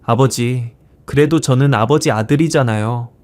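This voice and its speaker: A man's voice: mid-range voice, moderate pace, a little mellow, natural voice. A man voicing a guilty grown son who pleads and apologizes to his father in a storybook reading. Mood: pleading.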